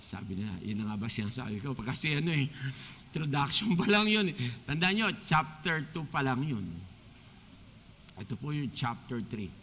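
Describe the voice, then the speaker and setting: A man with a Filipino accent preaching a sermon as a deacon, joking and animated, slipping English phrases into his talk. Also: mid-range voice, moderate pace, a little hiss or hum. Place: church hall. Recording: long church hall reverb.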